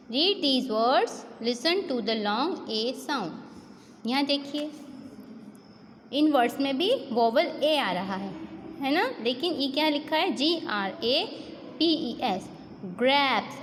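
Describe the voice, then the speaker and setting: A woman's voice: sits high, in a large hall, slight background noise. A woman with an Indian accent teaching a kindergarten phonics lesson, patiently spelling out letters and quizzing her pupils. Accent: Indian English.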